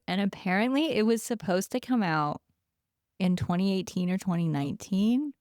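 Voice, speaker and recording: Woman, podcast co-host, casual and wry, smooth gravelly tone. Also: on the low side, darkish tone, no echo, clean studio sound. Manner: chatty, quick asides, wry.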